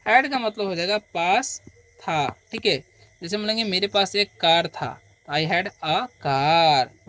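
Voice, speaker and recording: A man teaching beginner English, explaining slowly and patiently and answering his own questions again and again. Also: high voice, sharp tone. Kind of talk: beginner language lesson.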